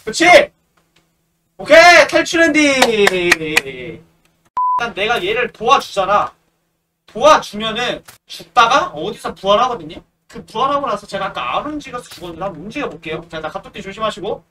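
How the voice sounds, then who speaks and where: A man's voice: high-pitched, animated, normal speed. A man streaming a horror game, chatting casually, teasing the characters and yelping at every scare. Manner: jumpy, yelps and shouts at scares, teasing banter. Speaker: gaming streamer. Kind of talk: horror game let's play commentary. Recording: distant mic with clear background noise.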